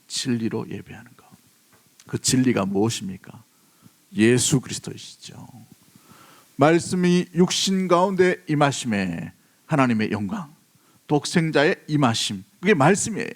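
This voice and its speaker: A South Korean pastor with a fairly high voice preaches a sermon emphatically. He repeats key phrases and puts questions to his congregation.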